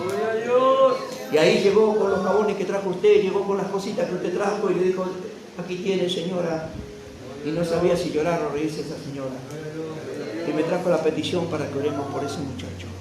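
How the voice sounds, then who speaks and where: A man preaching a fervent sermon as pastor, rising to loud proclamation. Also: on the high side, quick pace, a loud crowd. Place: church hall. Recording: echoey church sound from a distant mic.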